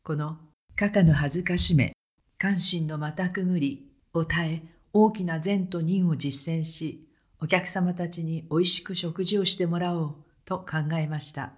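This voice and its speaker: A narrator with a voice of middle pitch reads a first-person account. The delivery is calm and measured, following a script.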